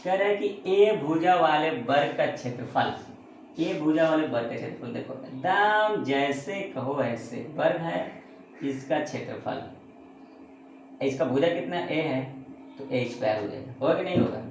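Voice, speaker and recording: A man's voice: on the high side, animated, measured pace, slight background noise. A man teaching a math lesson who asks and answers his own questions, with chatty, joking asides. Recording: very echoey room.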